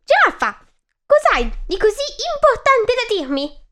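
A small, grumpy male mouse from a children's storybook, put on by a woman reading aloud. He squeaks his words high and shrill, bristling with indignation, with the voice lifted well above the reader's own. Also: sing-song, a little slow, pushed and bright, heavily acted. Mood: annoyed.

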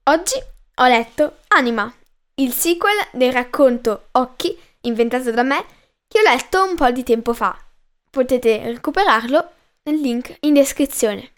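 A woman reads her own short story aloud as a podcast host. Her voice is high and her delivery unhurried. She keeps a calm, measured first-person narration. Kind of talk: storytelling reading.

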